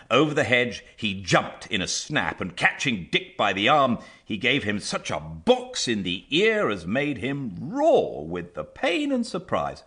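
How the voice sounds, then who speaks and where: Deep, husky male storybook narrator. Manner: measured, expressive storytelling. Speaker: audiobook narrator. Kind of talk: expressive scripted storybook narration.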